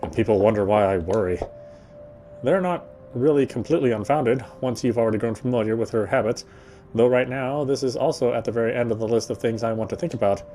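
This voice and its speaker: While playing a game on stream, a man reads its story narration aloud and occasionally corrects his own slips. He speaks fast in a warm, medium-pitched voice, with game music behind him and slight background noise.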